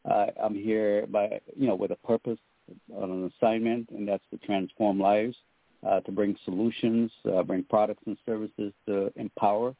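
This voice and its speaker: A man's voice: lowish voice, flat delivery, normal speed, dry recording. A middle-aged man from Trinidad and Tobago, a guest on a radio interview, talking earnestly about his faith and work with many fillers. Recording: tinny phone line, dry.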